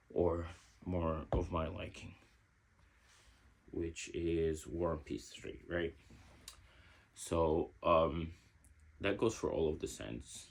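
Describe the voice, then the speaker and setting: Male reviewer, low-pitched and slightly husky, talking things through slowly. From Egypt. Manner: reflective, searching for words. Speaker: fragrance reviewer. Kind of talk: casual product review.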